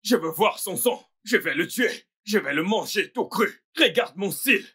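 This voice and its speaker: A man's voice: sits high, expressive, normal speed, pushed and bright, breathy edge, exaggerated voice. A man dubbing a vain young fashion designer who rants and vows revenge, in a French film dub. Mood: outraged. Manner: boastful, ranting threats.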